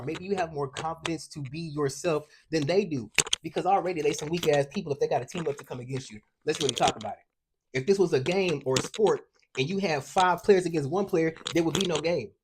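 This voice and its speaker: A man's voice: on the high side, fairly quick, background noise. Fired-up, profane male tarot reader. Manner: streetwise, profane, fired-up and emphatic. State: out of breath at times. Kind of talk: collective tarot reading.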